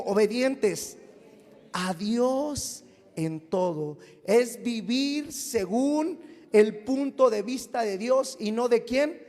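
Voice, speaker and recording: A man's voice: very high voice, a little mellow. A man preaching a sermon to his congregation in a call-and-response style, having them repeat phrases and acting out whiny church members. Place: church hall. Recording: long reverb of a church hall.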